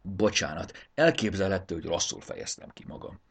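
A man voicing a shy little male math notebook that talks in a fussy, apologetic way, in a low, gravelly voice. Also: animated, a bit bright, heavily acted. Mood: prim apologetic. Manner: fussy, apologetic, long-winded.

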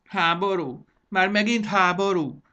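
A man's voice: medium pitch, sing-song, bright, forceful tone, muffled recording, pitched above the performer's own voice. A man reading a storybook aloud and voicing a hysterical, petulant male ruler who shrieks, sobs and whines. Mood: whining. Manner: shrieking, sobbing, manic laughter.

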